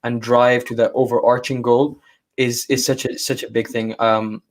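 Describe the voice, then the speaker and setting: A podcast host speaks in a medium-pitched, flat voice at a moderate pace. In this conversational interview he affirms his guest and rambles through repeated restarts, leaning on fillers like "like" and "you know."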